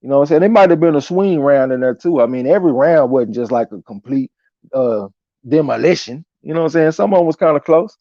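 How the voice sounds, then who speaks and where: A man's voice: a little high, animated, quick pace, dark tone, no room sound. A man hosting a live boxing stream in a casual, slangy and profane way, chatting through fight opinions and reading viewer comments aloud. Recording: dull lo-fi audio.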